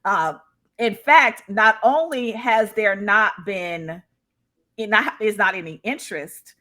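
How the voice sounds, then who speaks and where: Joining a live online video call as a discussion guest, a woman shares her experience in a conversational, emphatic way, frequently checking in. Her mid-range voice is slow, bright and forceful.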